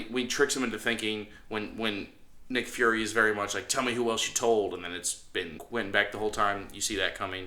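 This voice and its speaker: Bright-voiced man reviewing movies, echoey room. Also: lowish voice. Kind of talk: casual movie review talk.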